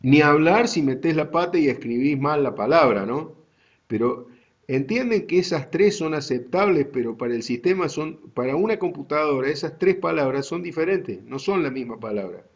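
Un hombre con acento argentino que da una clase universitaria en línea, explicando con calma y paso a paso. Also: male voice, a little high, muffled recording. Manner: slow, deliberate explaining to students. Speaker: university GIS teacher. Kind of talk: online class lecture.

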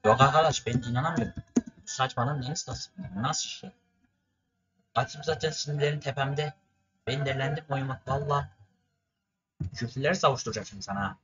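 A man's voice: mid-range voice, normal speed, long pauses, a bit bright, husky, muffled recording. A young man from Turkey commentating his racing game for viewers, ranting and cursing at it in frustration. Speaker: gaming streamer. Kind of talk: gameplay commentary.

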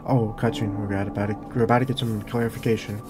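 A man's voice: fairly low pitch, flat delivery, quick pace, music in the background. A man hosting a let's play, chatting casually and making sarcastic jokes while playing a horror game. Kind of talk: casual gameplay commentary.

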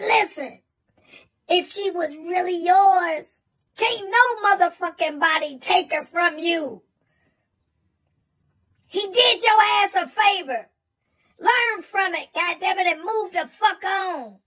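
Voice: very high-pitched, slow pace, pauses often, pushed and bright, recorded from a distance, exaggerated voice. A performer voicing a profane male monkey who preaches blunt advice in a comic rant. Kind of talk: comedic monologue.

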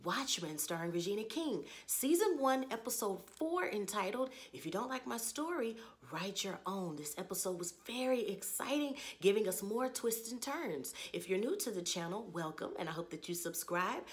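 A woman's voice: mid-range voice, very animated, moderate pace, few pauses. A woman hosting a casual TV recap, chatty and upbeat, her voice worn from having lost it. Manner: chatty, upbeat, talks straight to viewers. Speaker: TV recap host.

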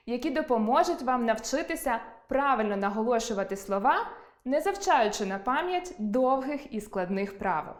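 A woman teaching an online lesson, reading from a script and slowly drawing out example words. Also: on the high side, reverberant.

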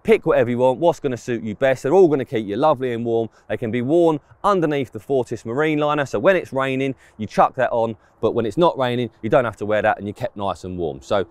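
Talking quickly with few pauses, a man in a mid-range voice delivers a casual, plain-spoken product review to camera on a close mic. The recording is dry, and he's outdoors in an open grass field, presenting fishing clothing reviews.

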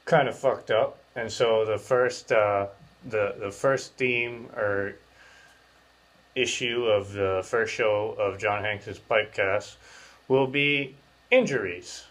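Podcast host, male, 30s, lowish voice, jaw wired shut so words come through clenched teeth, loose slangy rambling chat. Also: slow pace, a bit bright. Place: small bare room, indoors.

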